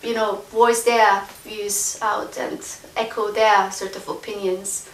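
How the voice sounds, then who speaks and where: A woman in her forties from Afghanistan, a trainee documentary filmmaker, chats as a guest in a casual interview. Her mid-range voice is flat and slow, and she searches for words with many ums and restarts. She is recorded from a distance in a large, echoing room over a faint hiss.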